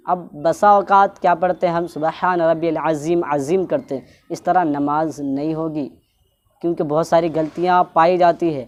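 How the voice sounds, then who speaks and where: A woman's voice: sits low, steady tone, a little mellow. A woman giving a religious instruction talk, explaining at length, repeating her points and drawing out words to show how they should be pronounced. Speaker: religious teacher.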